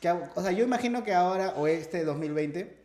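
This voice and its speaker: A young Peruvian man with a Peruvian Spanish accent, chatting casually and telling animated stories, acting out voices and laughing. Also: high-pitched, fairly quick, roomy sound. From Peru. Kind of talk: casual chat.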